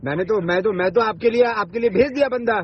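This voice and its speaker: A man with a high, slightly rough voice talks fast during a heated phone argument. The online video maker is confrontational and insistent, swearing and repeating himself, in a dull, lo-fi phone recording.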